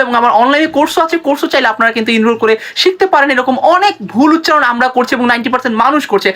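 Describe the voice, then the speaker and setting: A woman teaching English pronunciation in a short video lesson, repeating each word slowly and asking viewers to say it with her. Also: sits high, a bit bright. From Bangladesh. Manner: repeats words slowly, drills viewers, urges sharing.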